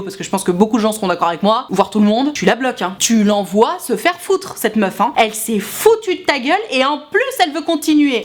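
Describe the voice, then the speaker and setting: A young woman giving frank, expressive relationship advice to her viewers, outspoken and quick to swear. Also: a little high. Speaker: advice vlogger. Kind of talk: casual advice monologue to viewers.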